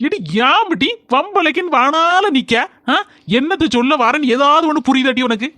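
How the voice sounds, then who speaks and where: A woman's voice: sits high, moderate pace, bright, forceful tone, no room sound. Woman voicing a blunt scolding village husband. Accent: southern Tamil Nadu village dialect. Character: grumbling village husband, middle-aged man. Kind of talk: cartoon voice acting.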